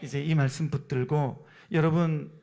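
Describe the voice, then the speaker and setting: A man's voice: on the high side, steady tone, moderate pace, mellow, highs cut off. A man preaching a sermon as pastor in a church, emphatic and calling out to the congregation for responses. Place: church sanctuary.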